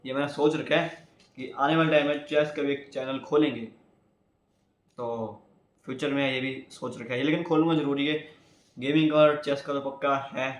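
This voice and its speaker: His voice is mid-range with a steady tone and a moderate pace, and the room echoes. He is a young adult YouTuber from India who rambles chattily to his viewers in a casual vlog, often calling them "guys".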